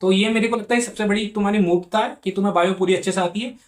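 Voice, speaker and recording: Young male vlogger, higher-pitched, very fast and repetitive, earnest mentor tone. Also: fairly even intonation. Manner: rapid, earnest, repetitive, addresses viewers as bhai sahab. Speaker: medical student giving exam advice. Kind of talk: casual advice vlog.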